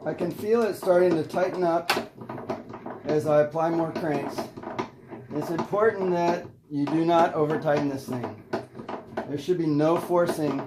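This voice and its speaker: In a room with audible echo and faint noise and clicks, a man with a voice on the high side takes a measured pace through a hands-on demonstration of an antique gramophone. He explains each step carefully and without a script.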